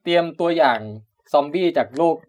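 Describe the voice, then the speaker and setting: A man's voice: fairly high pitch, fairly quick, a little mellow. A man hosting a casual science podcast, explaining at length and laughing often. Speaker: podcast host, biologist.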